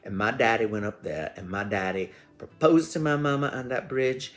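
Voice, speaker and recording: A man's voice: mid-range voice, lively intonation, moderate pace, fairly bright tone, faint music behind, close to an everyday voice. A man voicing a folksy Southern man with a put-on Southern US accent, spinning family tales. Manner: folksy, drawling storyteller.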